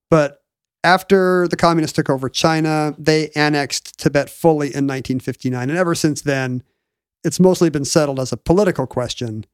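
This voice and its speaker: A man in his forties with a voice on the high side talks through history in casual conversation. He rambles and often hunts for the right word mid-sentence, recorded in studio quality with no room sound.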